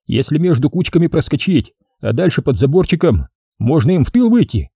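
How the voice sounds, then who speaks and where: A man's voice: a little high, sing-song, fairly quick, mellow, breathy edge, dry recording, clean studio sound, voice pushed up, heavily acted. A man voicing a young, eager male lieutenant who leads his soldiers with bold, conspiratorial talk. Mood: scheming.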